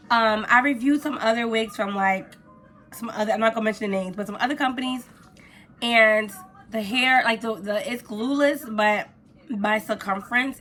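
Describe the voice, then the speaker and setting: A woman vlogger, hoarse from a cold, giving an informal, gushing product review to camera. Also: mid-range voice, a bit bright. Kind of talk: casual chatty review to camera.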